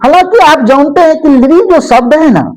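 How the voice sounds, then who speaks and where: A woman's voice: high-pitched, normal speed, darkish tone, rough recording. A woman teaching a grammar lesson, repeating each term and asking and answering her own questions. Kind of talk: classroom lesson.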